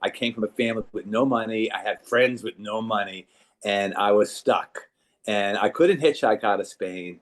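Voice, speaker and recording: A man's voice: lowish voice, normal speed. An older American man, a class member, earnestly telling a personal story and repeating words for emphasis. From United States. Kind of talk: personal anecdote.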